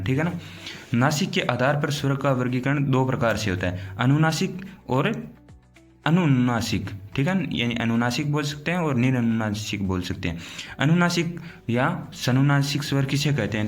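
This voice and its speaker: A man teaching an exam-prep grammar lesson, explaining step by step and answering his own questions. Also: mid-range voice. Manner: explains step by step, often asks "theek hai na?"; asks questions, then answers them himself.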